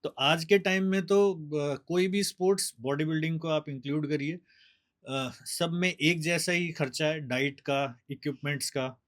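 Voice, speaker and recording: A man, a bodybuilder guest telling his story in a steady, explaining way. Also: fairly high pitch, normal speed. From Delhi, India. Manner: steady, explanatory, mixes English words. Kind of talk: casual interview storytelling.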